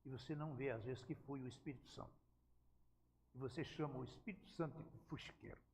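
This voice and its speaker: Male pastor preaching hard, gravelly voice, keeps asking the church questions, big roomy echo. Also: medium pitch, fairly even intonation, fast talker, darkish tone, slight background noise. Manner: emphatic, questions the congregation. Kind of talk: sermon. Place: church sanctuary. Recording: echoey church hall.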